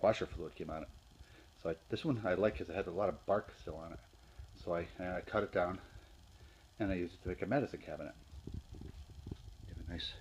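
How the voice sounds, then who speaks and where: A deep-voiced man from Northeastern Pennsylvania casually presents his woodworking in his home garage, filming himself on a handheld phone for a show-and-tell vlog. The audio is poor, with slight background noise. He speaks in a plain, unhurried way, with fillers and restarts along the way.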